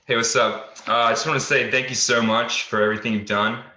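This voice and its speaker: A male caller asking a question during a call-in, his voice echoing back from a second device. He talks in a halting, thankful way with many fillers. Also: medium pitch, flat delivery, sharp tone, a little hiss or hum. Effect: echo of his own voice coming back from a second device.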